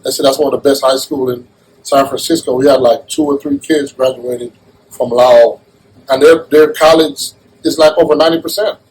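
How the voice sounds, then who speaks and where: A man's voice: medium pitch, fairly even intonation, moderate pace, a little mellow, slightly rough, low-quality recording. A man from Jamaica being interviewed, talking in an earnest, casual way and often restarting his phrases. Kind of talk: casual conversation.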